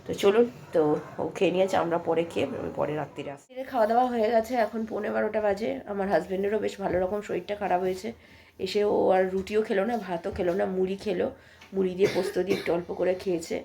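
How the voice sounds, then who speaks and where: Warm in tone and marked by vocal fry, this woman's mid-range voice races along as she narrates a casual daily vlog. She's in her thirties, coughing through a cold, and rambles homely about her day at home.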